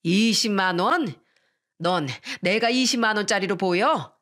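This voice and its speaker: A woman voicing an angry, shrill older mother-in-law who scolds and yells, in a storybook reading. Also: measured pace, natural voice. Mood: furious. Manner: scolding, yelling.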